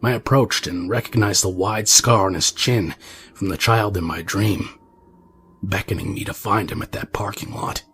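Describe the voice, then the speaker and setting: A man reading a horror story aloud in a measured, ominous manner. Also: sits low, a bit bright, a little hiss or hum. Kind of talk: scripted horror narration.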